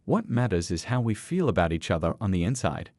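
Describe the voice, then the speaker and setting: Gentle reassuring mother in a storybook, read by a man, low and animated. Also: a little fast, dry recording. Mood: tender. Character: caring adoptive mother, gentle but firm.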